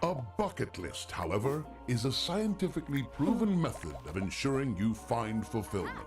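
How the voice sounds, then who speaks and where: An actor playing a dryly amused male Grim Reaper, narrating a game trailer in a wry, gravelly voice. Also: mid-range voice, big pitch swings, moderate pace. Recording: trailer audio with loud music.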